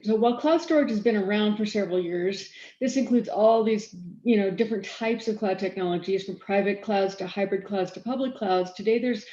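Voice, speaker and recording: A woman giving a conference keynote on technology, talking quickly with frequent fillers and restarts. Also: medium pitch, mellow, roomy sound, muffled recording. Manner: fast-talking, self-aware about speed. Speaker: keynote speaker, storage architect.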